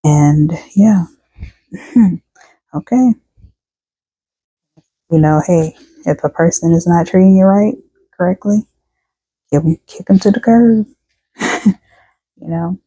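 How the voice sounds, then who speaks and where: A woman's voice: fairly low pitch, slow pace, pauses often, dark tone, breathy edge, dry recording, low-quality recording. A woman doing a casual tarot reading for her viewers, chatting and reading card texts aloud, tired and yawning. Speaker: tarot reader.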